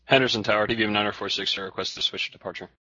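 A man's voice: lowish voice, steady tone, racing, sharp tone, dry recording. A man speaking as a pilot, making short procedural radio calls. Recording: dull lo-fi radio audio.

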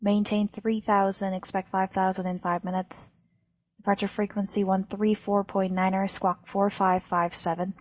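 A woman giving clearances as an air traffic controller in clipped aviation phraseology. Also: mid-range voice, level tone, normal speed, a little mellow, no room sound, muffled recording.

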